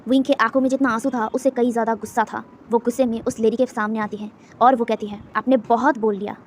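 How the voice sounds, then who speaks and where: A woman's voice: fairly high pitch, flat delivery, quick pace. A woman narrating a fan fiction story with emotive, repetitive retelling.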